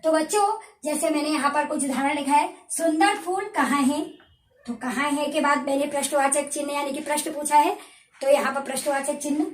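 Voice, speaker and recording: A woman teacher giving a recorded grammar lesson to students. She explains patiently, repeats her points and asks and answers her own questions. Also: high-pitched. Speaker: school teacher. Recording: echoey room.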